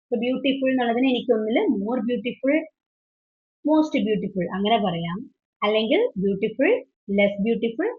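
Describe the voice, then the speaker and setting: A woman teaching an online English grammar class, patient and questioning, often switching into English as she explains. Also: fairly high pitch. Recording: dull lo-fi online call audio.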